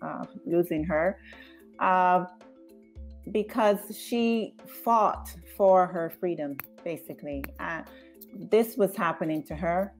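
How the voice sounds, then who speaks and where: A woman from Barbados, a screenwriter, speaking thoughtfully in an interview with frequent pauses. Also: fairly low pitch, faint music behind. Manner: thoughtful, measured, with many "uh" pauses. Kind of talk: interview conversation.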